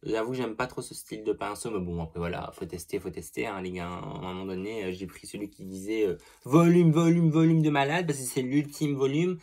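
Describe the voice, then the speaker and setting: A young man talks through a makeup haul in a loose, gossipy vlog style. He is chatty and expressive, swears freely, and gushes over each product as he goes. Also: sits low, fast talker, gravelly, hardly any pauses. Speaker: beauty vlogger. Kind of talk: casual makeup product review.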